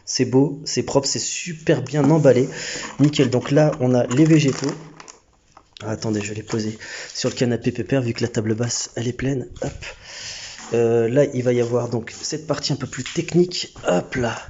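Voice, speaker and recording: A man's voice: mid-range voice, fairly even intonation, normal speed, mellow, muffled recording, slight background noise. A man hosting a casual unboxing vlog at home, chatty and slangy, often stumbling and restarting his sentences. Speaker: aquarium hobby YouTuber. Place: home living room.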